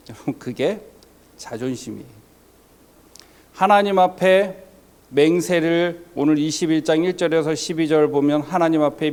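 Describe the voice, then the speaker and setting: A man preaching an early-morning sermon as pastor, moving from impassioned, near-shouted passages to hushed, low ones and asking rhetorical questions.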